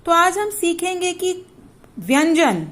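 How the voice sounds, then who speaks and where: A woman teacher with a Bihari Hindi accent gives a primary school lesson on the Hindi alphabet. She sounds out each letter slowly and asks the children questions, then answers them herself. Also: high-pitched, lively intonation. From India.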